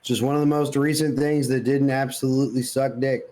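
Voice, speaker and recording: As a podcast co-host, a man with a mellow, darker tone trades opinionated banter like he's among friends, casual and blunt, loaded with slang and swearing. His pitch is medium, his tone level, and he talks fairly quickly.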